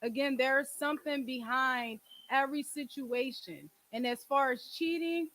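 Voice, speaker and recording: A Philadelphia woman in her twenties who hosts a podcast and call-in show talks casually and candidly about relationships, blunt and emphatic, full of street slang and frequent swearing. Her voice is high, a little slow, and fairly bright, on a rough recording.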